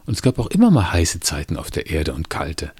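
A man voicing a stubborn, defensive man who doubts climate change, in a husky voice with dry close sound. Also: low voice, wildly swooping pitch, brisk, darkish tone, dry recording, exaggerated voice. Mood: indignant. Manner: indignant, pushing his view.

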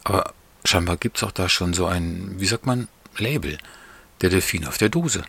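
Exasperated everyday husband, animated and a little naive, breathy low voice, acted by a man. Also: moderate pace, full character voice. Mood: complaining. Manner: complaining, animated, a bit naive.

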